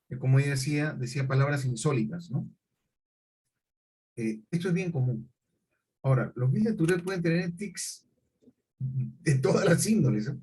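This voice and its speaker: A man's voice: mid-range voice, darkish tone, slightly rough. A male teacher leading a conversational class, telling chatty anecdotes and correcting himself as he goes. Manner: chatty storyteller, self-correcting, laughs mid-story.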